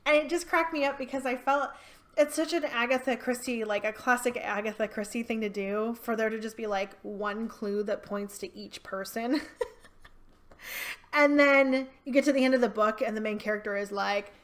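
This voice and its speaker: A woman's voice: a little high, steady tone, normal speed. A woman, chatting casually and rambling as she reviews a book for her vlog. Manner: chatty, rambling with restarts and fillers.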